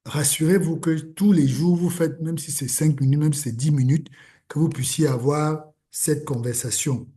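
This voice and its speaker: A man's voice: a little high, fairly even intonation, moderate pace, mellow. A man leading an online learner group, urging them on, with many fillers and repeated words. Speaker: meeting facilitator. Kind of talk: encouraging talk to a learner group.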